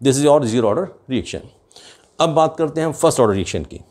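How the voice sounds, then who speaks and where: Explaining chemistry at a board, this older Indian-accented man mixes Hindi with English in a slow, deliberate way. His mid-range voice is expressive, with a darkish tone.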